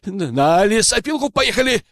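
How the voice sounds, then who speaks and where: Brief: a cowardly captured poacher, stammering and begging in a squeaky pitch; a male reader does him. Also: big pitch swings, measured pace, fairly bright tone, no room sound, clean studio sound, heavily acted. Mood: panicked. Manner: shrill pleading, stammering.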